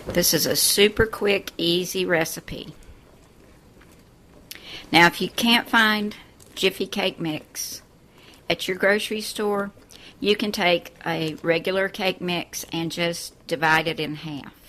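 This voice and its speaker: A woman's voice: fairly low pitch, fairly even intonation, slow pace, fairly bright tone, slight background noise. A woman hosting a cooking show from her home kitchen, chatting through a recipe step by step. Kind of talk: friendly cooking demonstration.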